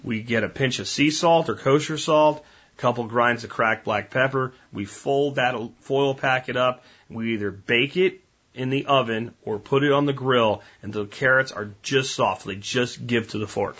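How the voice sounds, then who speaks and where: Male podcast host, casual rambling monologue, bright edge with a husky grain. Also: medium pitch, moderate pace, dull audio. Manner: folksy, rambling, addresses listeners as guys.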